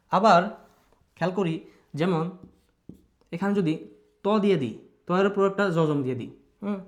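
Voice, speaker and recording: A man teaching Quran letter pronunciation. He repeats sounds over and over, asks the learner questions and mixes in English words. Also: high voice. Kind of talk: online Quran recitation lesson.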